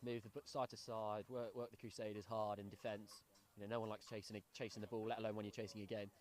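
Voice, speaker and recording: Fast-talking man co-commentating rugby. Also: lowish voice, little pitch movement, a little mellow. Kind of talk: casual live sports commentary and chat.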